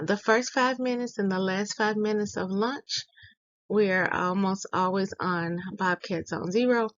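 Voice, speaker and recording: A woman reading the morning announcements at a school, explaining rules slowly and deliberately to young students. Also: mid-range voice, dull audio.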